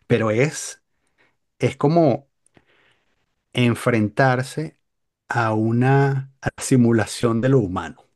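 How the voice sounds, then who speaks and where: A young man in casual chat, telling a story in an animated, exaggerated way. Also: medium pitch, takes it slowly, long pauses. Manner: animated, hyperbolic storytelling with mock voices.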